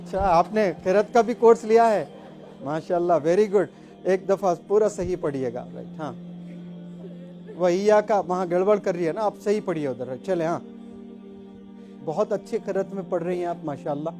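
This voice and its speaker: A man teaching a student to recite, encouraging her and tossing in quick English prompts. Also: high-pitched, music in the background.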